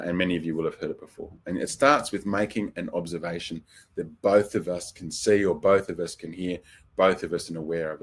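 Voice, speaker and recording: A middle-aged man teaching a counseling webinar in a relaxed, thoughtful way, with fillers and acted-out example phrases. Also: sits low, breathy edge.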